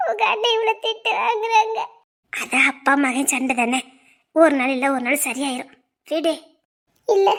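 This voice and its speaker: A woman's voice: sits high, fairly bright tone. A young woman, acting a kind younger sister who soothes and consoles. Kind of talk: web series drama acting.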